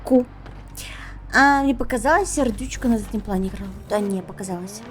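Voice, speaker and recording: A woman's voice: mid-range voice, brisk, a little hiss or hum. A young woman casually commenting on a game she is streaming, playful and crude, muttering to herself. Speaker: streamer playing a video game.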